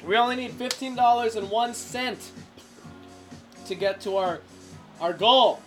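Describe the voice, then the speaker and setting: A man hosting a casual live cooking stream, loose and excitable, swearing freely and reading viewer comments aloud. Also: very high-pitched, measured pace, faint music behind.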